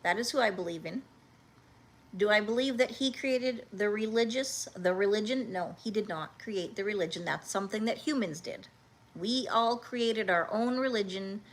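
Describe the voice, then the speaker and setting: Gravelly-voiced woman in her fifties. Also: mid-range voice. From Canada. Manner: earnest and halting, with many restarts. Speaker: livestream host. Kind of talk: casual livestream chat, answering comments.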